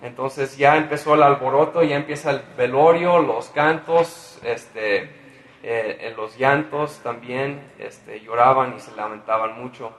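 A man preaches in a lively, chatty way, breaking into asides and fillers as he works through the text. His voice sits at an everyday male pitch. It echoes around a large room. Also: a little slow. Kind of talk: sermon. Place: church in Mexico.

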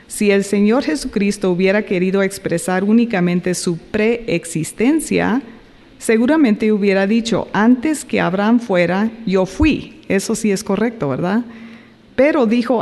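Man, high voice, Bible study teacher, asks the group questions, reverberant room. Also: darkish tone. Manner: asks the group questions, pauses and self-corrects.

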